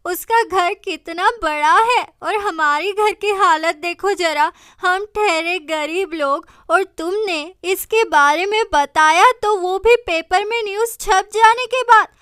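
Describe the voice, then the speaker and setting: Woman doing a loud nagging mother. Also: sits high, fairly even intonation, unhurried, hardly any pauses, no echo, clean studio sound. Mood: scolding. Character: scolding middle-aged mother of poor family.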